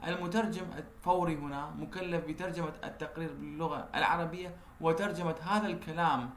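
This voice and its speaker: A male university lecturer from Iraq, giving a recorded lecture, reading slowly in English and then explaining at length. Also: fairly high pitch, fairly even intonation, a bit bright. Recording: echoey room with faint noise.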